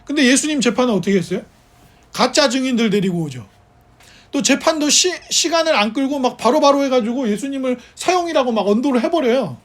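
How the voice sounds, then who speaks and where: A man's voice: very high-pitched, lively intonation, fairly quick. A male pastor giving a conversational sermon, telling stories with animation and asking the congregation rhetorical questions. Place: church service.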